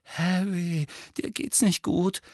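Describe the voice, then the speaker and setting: A man's voice: sits high, fairly quick, dry recording, studio quality, pitched above the performer's own voice, natural voice. A man voicing a frightened teenage boy who speaks unsure and trembling, stammering, in an audiobook. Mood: shaky. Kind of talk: audiobook character voice.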